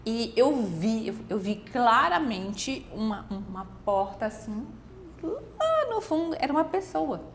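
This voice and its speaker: A woman tells a personal faith story in a lively conversational way. Her voice sits fairly high, and she acts out other people's words as she goes. A faint hiss of background noise runs under the recording. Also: slow. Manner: animated storyteller, quotes others often. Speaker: guest. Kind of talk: casual testimony in a faith conversation.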